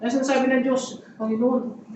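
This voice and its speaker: Man, pastor, sermon, chatty asides to the congregation, high voice, distant mic, echoey church hall. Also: moderate pace, background noise. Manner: conversational preaching with frequent asides to the congregation.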